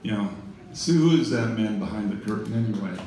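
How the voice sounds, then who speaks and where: A middle-aged man delivers an informal eulogy in a large event room, rambling with plenty of "you know" and wry jokes. His lowish voice is expressive, brisk and dark. A distant mic in a very echoey room picks up a little hiss or hum.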